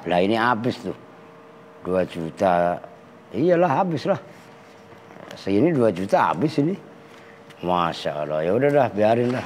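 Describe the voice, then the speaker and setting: A man with a Betawi Jakarta accent, a kyai teaching Arabic grammar to students in a casual, slangy, teasing way. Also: mid-range voice. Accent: Betawi Jakarta Malay. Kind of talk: casual classroom lesson with banter. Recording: reverberant hall with faint background noise.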